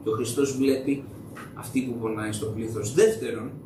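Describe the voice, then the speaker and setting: A man's voice: medium pitch, fairly even intonation, background noise. A young man preaching a sermon in a church, talking conversationally and putting questions to the congregation. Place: church hall. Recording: echoey hall, mic at a distance.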